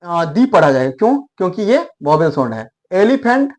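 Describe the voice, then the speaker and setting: A man with a Hindi accent teaching English pronunciation, repeating words slowly for his students. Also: a little high, very animated, darkish tone. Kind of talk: explaining lesson.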